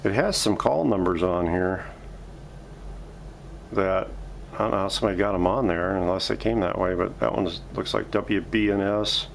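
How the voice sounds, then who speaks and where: With a deep, gravelly voice at a normal speed, a vintage radio restorer walks through his work step by step in his home workshop, muttering thoughts aloud in casual narration for a workshop video. A little hiss or hum is audible.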